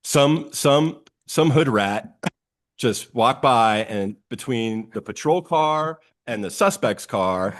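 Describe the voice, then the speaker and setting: A man, a former police officer, co-hosting a casual chat and telling an anecdote in a relaxed way. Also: medium pitch, slow.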